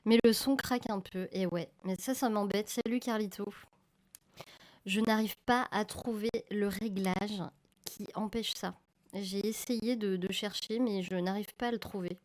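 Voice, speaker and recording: A woman streams live as a film photography streamer, chatting casually with viewers while she works, in a steady, unhurried, slightly mellow mid-range voice. She talks to her chat viewers and often corrects herself mid-sentence. The live-stream audio from her desk microphone crackles slightly.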